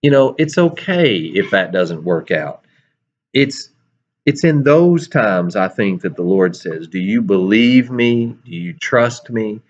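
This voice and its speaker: A man's voice: lowish voice, slow. Storytelling preacher man, muffled audio. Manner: storytelling, animated, with self-deprecating asides. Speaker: preacher and show host. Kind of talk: casual sermon-style chat.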